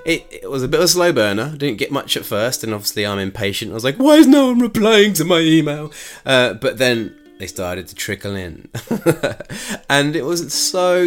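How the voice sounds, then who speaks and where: Lowish-voiced guy rambling on his podcast, laughs a lot, faint guitar behind. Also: fairly bright tone. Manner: chatty, laughs often, rambling asides. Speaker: podcast host. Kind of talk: casual solo podcast chat.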